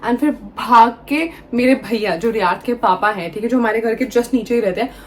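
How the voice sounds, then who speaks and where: Young woman, high voice, animated storyteller, code-switching Hindi and English, vlog. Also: moderate pace, a little hiss or hum. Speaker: vlogger.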